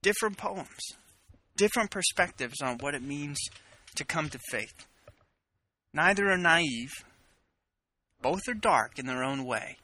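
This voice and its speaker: Bright-voiced scholarly man, emphatic and professorial. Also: a little high, expressive. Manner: erudite, professorial, deliberate emphatic phrasing. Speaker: host of a literary and theological vlog. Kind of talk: scholarly talk with poetry and commentary readings.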